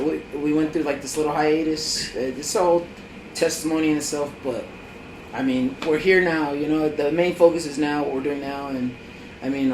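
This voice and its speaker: A man from the Los Angeles area, a drummer, talking in a jokey, excitable way. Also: fairly high pitch. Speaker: drummer guest. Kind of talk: casual interview answers. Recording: echoey room, faint hum.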